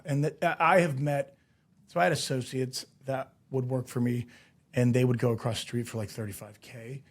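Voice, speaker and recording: A man hosting a podcast interview, chatty and quick to add agreeing asides. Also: mid-range voice, steady tone. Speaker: podcast host.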